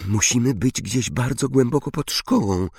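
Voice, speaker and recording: A man voicing a clever, bossy young schoolgirl witch in a raised, shrill, urgent voice. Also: moderate pace, gravelly, darkish tone, breathy edge, no room sound, studio quality. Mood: anxious.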